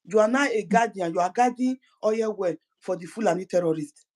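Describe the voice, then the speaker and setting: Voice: mid-range voice, a little fast, darkish tone, rough recording. A speaker gives an impassioned political address as an activist, fervent and full of repeated words and restarted phrases.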